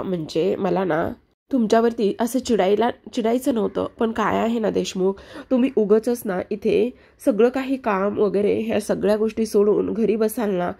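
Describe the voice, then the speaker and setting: A woman's voice: mid-range voice, vocal fry, mellow. A woman voicing an ill young wife who insists she is fine and pushes her husband to go to work. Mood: apologetic. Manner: insistent, scolding, then apologetic. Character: young wife, ill with fever, stubborn and proud.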